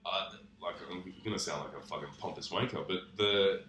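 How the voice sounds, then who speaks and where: Young man, casual podcast guest; low, punchy voice, rambling and sweary, echoey room. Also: a little fast, a bit bright, a little hiss or hum. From Australia. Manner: laid-back and sweary, full of fillers. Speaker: physiotherapist guest. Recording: roomy echo.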